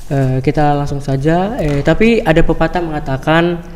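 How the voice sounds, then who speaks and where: A teenage boy hosts a school podcast in a fairly high, slightly mellow voice at a normal speed. He sounds upbeat and casual and uses lots of fillers, and the reverberant room comes with a little hiss or hum.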